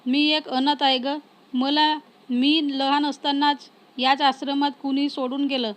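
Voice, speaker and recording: A woman reading the lines of a tender young man in a storybook romance, in a soft, even way. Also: high voice, a little slow.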